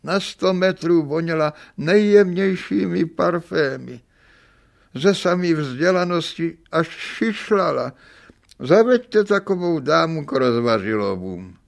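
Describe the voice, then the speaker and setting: A man's voice: on the high side, lively intonation, gravelly, voice pushed up. A man voicing an aggrieved middle-aged swindler on trial, complaining in a whiny, self-pitying way. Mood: indignant. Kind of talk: audiobook character reading.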